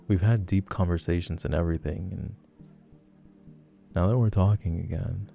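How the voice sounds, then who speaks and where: Man playing a teasing, gravelly low-voiced flirty guy. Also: mellow. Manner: teasing, playful, rambling. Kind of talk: flirty personal-attention role-play, casual chat.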